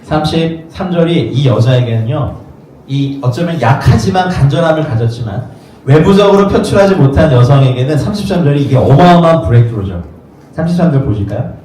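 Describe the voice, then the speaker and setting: A man with a slightly high, mellow voice preaches a sermon as pastor, brisk and animated, speaking conversationally and acting out the voices of people in the story. He's in a rented studio space used for worship, and the recording is echoey, with a distant mic and faint noise.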